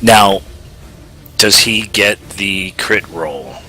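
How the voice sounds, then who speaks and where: Male tabletop gamer, very low and forceful, unhurried casual delivery. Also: breathy edge, soft background music. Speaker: player in tabletop game. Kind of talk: casual game-table chat.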